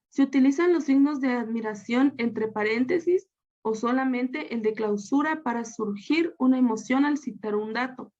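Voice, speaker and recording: A woman's voice: a little high, a little mellow. A woman from Guatemala, a student teacher, talking through a lesson over slides in an explanatory way, with frequent fillers and restarts. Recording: slightly dull, lo-fi audio.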